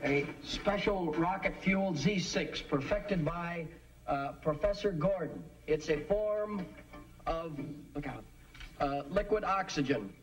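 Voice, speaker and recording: An actor playing a sheepish, earnest young American amateur rocketeer, halting and stammering, in a 1950s sitcom. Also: male voice, fairly high pitch, animated. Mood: awkward. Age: young adult. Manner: halting, stammering, full of hesitations. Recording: distant-miked vintage TV soundtrack.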